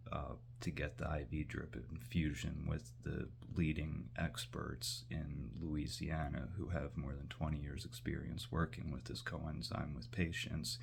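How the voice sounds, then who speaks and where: With a rumbling low, gravelly voice, a man vlogs from his kitchen while cooking, delivering a meandering monologue to the camera that's loaded with fillers and restarts. There's a faint hiss or hum in the background.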